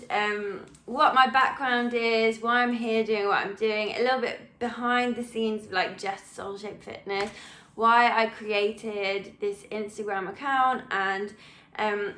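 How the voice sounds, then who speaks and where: A young woman with a London accent talks to camera in a loose, rambling way, full of ums and little asides. Her voice sits at an ordinary mid pitch. The room around her is noticeably echoey. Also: a bit bright. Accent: English, London. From England. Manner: chatty, rambling, with frequent ums and laughs. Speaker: personal trainer. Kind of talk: casual chat to camera.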